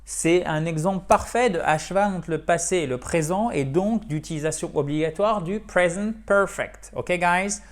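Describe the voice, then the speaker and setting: Male English teacher, animated, bilingual, drills pronunciation by repetition. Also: high voice, moderate pace, few pauses. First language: French. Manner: lively, switches between French and English, repeats words for pronunciation. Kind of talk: online English lesson.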